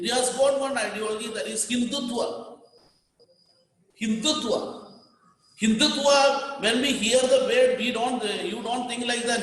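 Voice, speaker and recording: Male teacher, echoey room. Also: very high-pitched. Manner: repeats key words, tells students what to underline. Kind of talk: classroom lecture. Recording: echoey room with long reverb.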